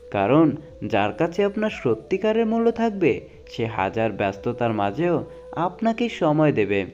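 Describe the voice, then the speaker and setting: A man reading motivational quotes as scripted narration, his pitch rising and falling at each phrase. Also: darkish tone. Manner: sing-song recitation, rising then falling at each phrase. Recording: dull lo-fi audio.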